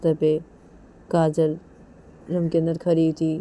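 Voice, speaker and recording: A woman's voice: low voice, monotone, slow pace, dark tone, slight background noise. A woman narrating a romance story in a casual, repetitive storytelling manner. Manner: simple, repetitive phrasing with many linking 'then's.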